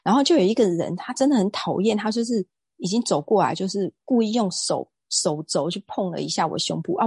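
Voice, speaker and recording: Husky-voiced woman, earnest guest. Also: medium pitch, a little mellow, no room sound. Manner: earnest, emphatic storytelling with hesitations. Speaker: guest speaker on sexual assault prevention. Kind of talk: casual conversational interview.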